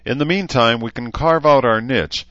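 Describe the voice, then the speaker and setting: A man voicing a menacing male warlord who speaks calmly and persuasively, in a slightly muffled recording. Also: mid-range voice, moderate pace, dry recording, pitched above the performer's own voice, lightly acted. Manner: calm, persuasive, commanding. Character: menacing male warlord, self-assured and cold. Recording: slightly muffled dry audio.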